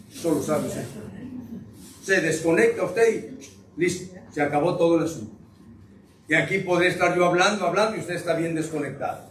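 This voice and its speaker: High-voiced preacher in an echoey church. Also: male voice, fairly bright tone. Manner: joking, questions the congregation directly. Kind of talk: sermon. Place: church sanctuary. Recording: echoey room, distant mic, faint noise.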